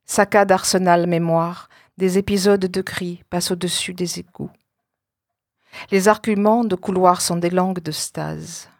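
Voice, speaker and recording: A woman giving a spoken-word poetry recitation, with a deliberate, incantatory delivery in fragmented phrases. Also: fairly low pitch, a little mellow, no room sound, studio quality. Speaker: poet.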